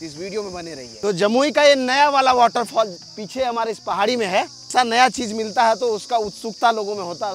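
A man giving lively travel-vlog commentary outdoors on a forest trail by a waterfall, talking straight to viewers and chatting with people he meets. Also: high voice, a little hiss or hum. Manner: lively, addresses viewers directly, chats with passers-by. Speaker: travel vlogger. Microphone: camera filmed by a companion while walking.

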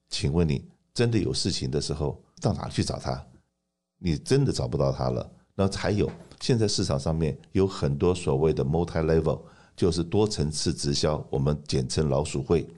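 Very deep-voiced man hosting radio talk. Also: dark tone. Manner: emphatic, repetitive, rhetorical questions. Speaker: radio host and insurance agent. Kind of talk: radio talk, explanatory pitch.

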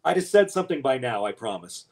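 Guy author on a livestream, mid pitch, laughs a lot, keeps restarting his sentences. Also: fast talker. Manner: animated, chuckling, many restarts. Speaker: author and guest. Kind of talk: casual livestream chat.

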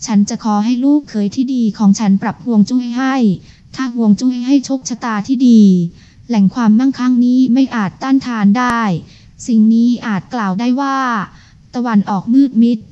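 A woman reading the part of a petty, superstitious older mother in an audiobook, voiced slow, scolding and complaining. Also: a little high, steady tone, warm tone, no echo, close to an everyday voice. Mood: grumbling. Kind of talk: audiobook character voice. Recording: dull lo-fi recording.

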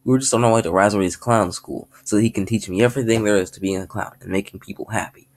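A man's voice: lowish voice, fast talker. A man voicing a polite, earnest young man who wants to become a clown, in a storybook reading.

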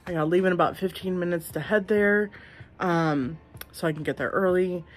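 A woman around her thirties talking in a casual, halting, informal way, as a vlogger. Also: on the low side. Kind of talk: casual vlog chat.

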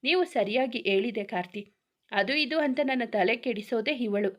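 A woman's voice: fairly high pitch, moderate pace, close to an everyday voice. A woman voicing a young husband who playfully scolds his wife in a read-aloud story. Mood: teasing. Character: teasing strict young husband.

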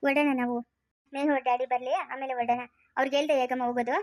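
A woman's voice: sits high, flat delivery, rapid-fire, dry recording, clean studio sound, lightly acted. A woman playing a firm but kind policewoman who talks sternly and comforts like an elder sister in a family moral drama.

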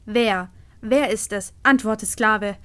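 A woman reading a storybook voices a proud, jealous, grieving queen who speaks loudly and forcefully. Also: medium pitch, slow, no room sound. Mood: furious. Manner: loud and forceful, with sobbing outbursts.

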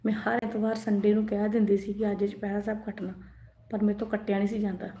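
A woman's voice: mid-range voice, monotone, quick pace, dark tone. A young adult woman giving earnest spiritual advice in a live-stream talk, often asking the listener questions. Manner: earnest, advising directly, asks listeners questions. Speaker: religious speaker. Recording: echoey, dull lo-fi sound.

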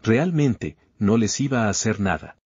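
A man's voice: lowish voice, sing-song, a little slow, darkish tone, slightly rough, dry recording, highs cut off, full character voice. A man voicing a cheeky young son-in-law hero. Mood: cocky. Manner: casual, joking, slangy.

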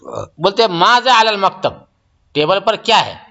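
A man's voice: high-pitched, very animated, measured pace, gravelly, pushed and bright, muffled recording. A man teaching a language lesson, patiently repeating each phrase and explaining it step by step. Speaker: Arabic teacher. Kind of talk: recorded grammar lesson.

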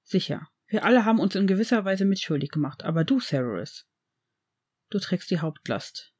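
A woman reading the part of an old male headmaster, grave and gentle, in an audiobook of fan fiction. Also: mid-range voice, lively intonation, breathy edge. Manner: earnest, measured, reproachful.

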